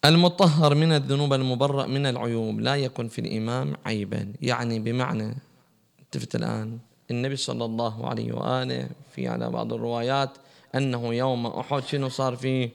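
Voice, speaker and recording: Guy teaching a religion class, gravelly voice, quizzes the room then answers. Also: medium pitch, fairly even intonation, quick pace. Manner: asks the audience questions and answers them.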